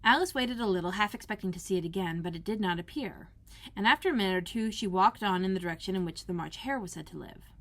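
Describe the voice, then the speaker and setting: Female storybook narrator for children: animated, careful delivery, noticeable vocal fry. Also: medium pitch, fast talker. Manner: careful, expressive reading. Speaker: school librarian reading aloud.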